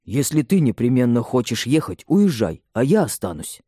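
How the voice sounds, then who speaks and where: A man's voice: medium pitch, sing-song, normal speed, dark tone, breathy edge, no echo, studio quality. A man voicing a stubborn young man who speaks sullenly and defiantly to his mother.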